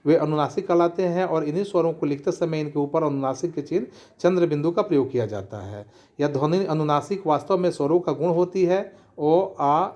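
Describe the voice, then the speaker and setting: A man teaching a grammar lesson, explaining definitions in formal textbook phrasing and reading out word examples slowly, one at a time. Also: on the high side, warm tone. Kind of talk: classroom-style grammar lesson.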